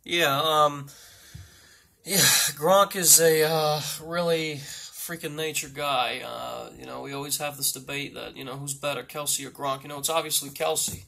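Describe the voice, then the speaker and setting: A man playing a blunt football coach at a mock press conference, rambling and repeating himself in halting answers. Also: on the high side, fairly even intonation, creaky, sharp tone, a little hiss or hum, heavily acted.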